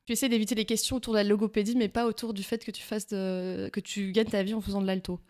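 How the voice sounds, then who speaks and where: A woman hosts her own podcast at a mid pitch, opening with an enthusiastic welcome. She then asks her guest questions in a lively interview tone. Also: quick pace. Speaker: podcast host.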